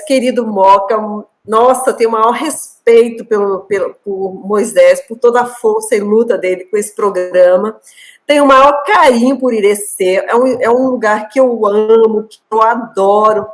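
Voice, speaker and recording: A woman professor answering a tribute, deeply moved and speaking in halting phrases. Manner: moved, halting, with many restarts. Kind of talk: emotional thank-you reply.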